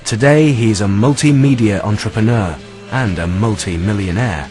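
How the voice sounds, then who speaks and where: A man giving measured, scripted documentary narration. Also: on the low side, a little mellow. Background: music.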